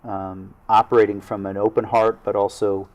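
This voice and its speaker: A man, a local government official in a studio panel conversation, speaking earnestly and haltingly with many restarts. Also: on the low side, flat delivery. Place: small TV studio.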